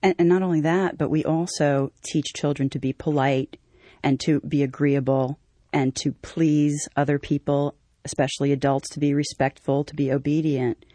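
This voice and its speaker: A woman's voice: low voice, level tone, normal speed, warm tone, no echo. A woman who directs a child safety program, answering interview questions in an earnest, explanatory way.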